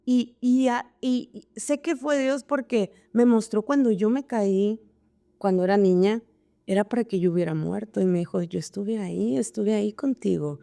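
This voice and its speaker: A woman's voice: mid-range voice, fairly even intonation, moderate pace, dark tone. A woman who is an interview guest, telling her life story in an emotional way and repeating words as she remembers. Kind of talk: personal life story in conversation.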